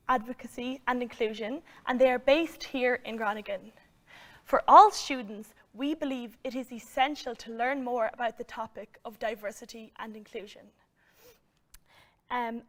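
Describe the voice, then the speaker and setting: A young woman with a high voice opens a lecture as its host. She speaks politely and clearly, reading a scripted welcome. It sounds recorded by a camera a little way off in a bright room. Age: 20s. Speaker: event host. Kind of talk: scripted introduction. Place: bright room with plants and windows.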